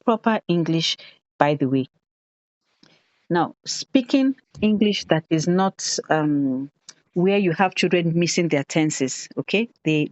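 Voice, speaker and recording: Lady consultant teaching teachers on a video call, acts out the kids, low voice, muffled dry sound. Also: no room sound. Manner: animated storytelling, acts out children's voices, repeats phrases for emphasis. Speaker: education consultant leading an online teacher training.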